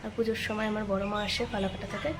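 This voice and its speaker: A woman's voice: mid-range voice, little pitch movement, very fast. A young woman from North Bengal, India, chatting and explaining things as she films a home vlog on a handheld phone. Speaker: vlogger. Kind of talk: casual vlog narration. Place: family home in a village during a home puja. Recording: noisy home ambience.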